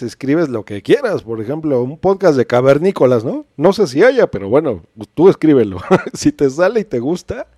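Chatty Mexican man, mellow voice. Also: fairly high pitch, dry recording, studio quality. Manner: chatty, asks "¿no?" often. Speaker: podcast host. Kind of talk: casual instructional chat.

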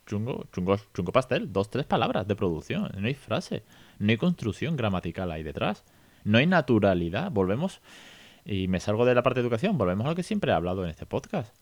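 Man in his thirties, podcast host; low, dry, conversational monologue full of "¿no?". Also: brisk, no room sound. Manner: conversational, frequent "¿no?" tags, animated rhetorical asides.

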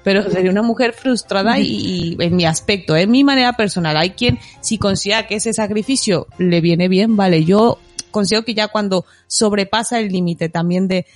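A middle-aged woman talks on a casual podcast. She tells stories with lively, animated energy and laughs often. Faint music plays underneath. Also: medium pitch, normal speed, no echo. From Mexico. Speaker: podcast co-host.

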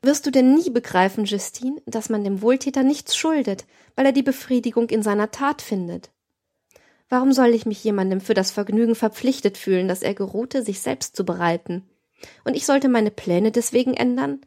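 A depraved young nobleman lectures with cold, lofty calm, as a woman reads him aloud. His voice sits a little high and keeps an even audiobook delivery. He sounds scheming and self-assured. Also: normal speed. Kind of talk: audiobook reading.

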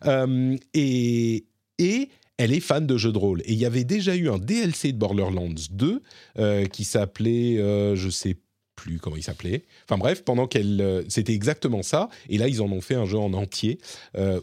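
A man co-hosting a casual live stream chat about video games, talking in a relaxed, hesitant way with many fillers and restarts. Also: lowish voice, normal speed, no echo, studio quality. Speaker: gaming stream co-host.

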